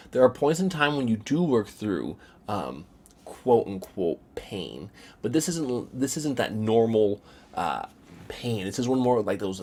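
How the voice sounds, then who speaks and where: A young man talking casually in a vlog, rambling and repeating words with many fillers. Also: sits low. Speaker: vlogger.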